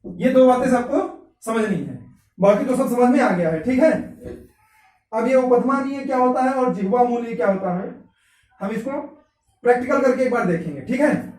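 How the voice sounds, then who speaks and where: A man with a very high voice teaches Sanskrit grammar in a classroom. He sounds out each letter and keeps quizzing his students. He is recorded from a distance in an echoey room. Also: lively intonation, normal speed, long pauses, a little mellow. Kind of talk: classroom lesson. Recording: echoey room, mic from afar.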